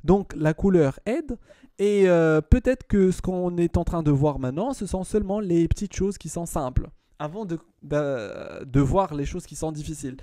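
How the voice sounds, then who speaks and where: A man's voice: on the high side, moderate pace, dark tone. A man tutoring a student one-on-one in math, patient, often repeating himself and checking that she follows.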